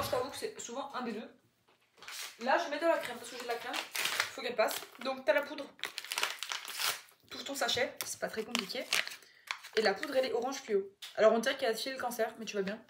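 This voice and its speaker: A young woman from Quebec whose accent shifts between French and Québécois, chatting and swearing casually while she cooks in her home kitchen. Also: on the high side. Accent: mixes French and Québécois accents. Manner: chatty, rambling, swears freely. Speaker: vlogger. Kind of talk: casual chat while cooking. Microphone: phone camera. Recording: echoey room with steady background noise.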